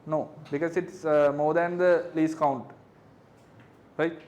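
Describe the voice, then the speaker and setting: High-voiced man tutoring exam questions. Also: level tone, slow pace, a little mellow. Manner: keeps checking understanding with tag questions; works through figures step by step. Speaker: physics tutor. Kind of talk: exam question review lesson.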